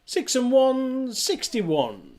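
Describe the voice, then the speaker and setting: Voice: sits high, wildly swooping pitch, extremely slow, a little mellow. A bingo caller calling numbers live, digit by digit with a rise, then the whole number with a fall. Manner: calls each number digit by digit, rising then falling, then repeats it whole. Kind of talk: live bingo calling in traditional singsong rhyming-call pattern.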